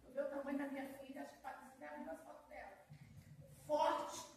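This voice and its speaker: A Brazilian woman missionary delivers a heartfelt testimony sermon in a high voice, turning often to her listeners as brother and sister. She is recorded from a distance in a strongly echoing church hall, with faint background noise. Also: steady tone, fast, creaky, a little mellow. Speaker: missionary preacher. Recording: very echoey, mic far off.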